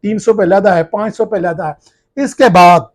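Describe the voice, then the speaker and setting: A male journalist from Pakistan, addressing viewers in a forceful, accusing, challenging tone. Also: high-pitched, normal speed.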